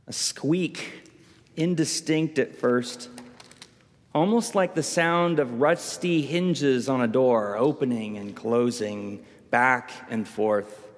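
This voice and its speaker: A man preaching tells a story in sermon style, with slow, dramatic pauses. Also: fairly high pitch. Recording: long hall reverb.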